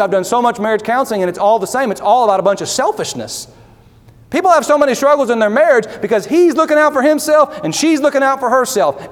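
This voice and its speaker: A man preaching a sermon, folksy and emphatic, full of rhetorical questions and repeated phrases. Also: high voice. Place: church sanctuary. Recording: long hall reverb.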